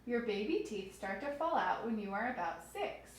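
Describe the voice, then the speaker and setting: A woman with a fairly high voice, lively intonation and a moderate pace reads aloud to young children as their teacher. She explains things simply and expressively, adding asides and asking her listeners questions. The room is very echoey, with faint noise.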